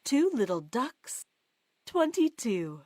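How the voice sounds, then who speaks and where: A woman calls bingo numbers with their rhymes, drawing each one out very slowly. Her pitch rises and falls in a lively way, and the sound is dry and close. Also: dry recording. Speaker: bingo caller.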